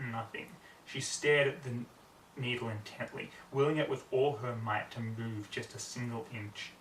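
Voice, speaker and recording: A young adult man reads fan fiction aloud in a dramatic, earnest narration, his mid-range voice a bit bright. He's recorded in a small room at home on a distant camera microphone, so the sound is roomy and carries background noise.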